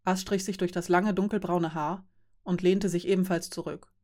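A woman narrating a story in a plain, even reading voice. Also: on the low side, normal speed. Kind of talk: audiobook reading.

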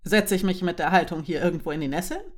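A woman voicing Nurek, a frank and thoughtful young woman, in an emphatic, lively storybook reading. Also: lowish voice, fast talker, lightly acted.

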